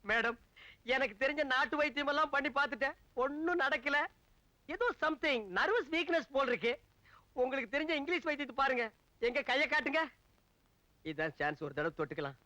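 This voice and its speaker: A man's voice: very high-pitched, a little fast, pushed and bright, no room sound. An actor playing a fussy, flirty comic man who rambles and whispers sly asides, in a comedy film scene. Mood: fussy, rambling. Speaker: comic side character. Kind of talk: 1990s Tamil film comedy acting.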